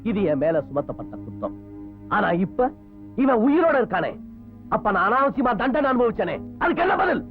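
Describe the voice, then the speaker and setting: A vengeful villainous brother. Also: male voice, high-pitched, huge pitch swings, moderate pace, pauses often, heavily acted. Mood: menacing. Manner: menacing, shouting in bursts. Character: vengeful domineering elder brother, male villain. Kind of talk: 1980s film melodrama. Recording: dull lo-fi film soundtrack with music.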